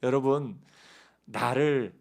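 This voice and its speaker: A man preaching an evening church sermon as pastor, swinging from raised, pleading lines to soft, quiet asides. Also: medium pitch, slow.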